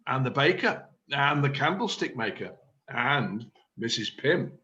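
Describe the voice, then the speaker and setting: A man's voice: mid-range voice, lively intonation, unhurried, bright, forceful tone, muffled recording, slight background noise. A man playing a pompous scheming drama chairman. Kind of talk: amateur play reading. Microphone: video call.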